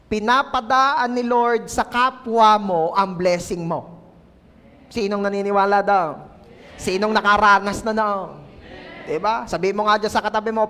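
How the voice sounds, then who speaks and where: Pastor guy with a very high voice, playful sermon, long church hall echo. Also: sharp tone. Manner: playful, coaxing the congregation to respond.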